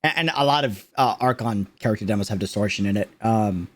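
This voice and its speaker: His voice is lowish and a little fast as he comments on a game video for his livestream viewers. The streamer keeps it casual and emphatic, using slang and repeating words to drive his points home.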